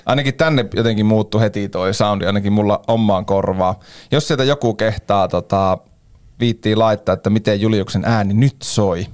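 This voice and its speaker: A man co-hosting a webinar over a video call, relaxed and joking as he relays audience comments. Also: on the low side. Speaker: webinar co-presenter. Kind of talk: casual webinar talk.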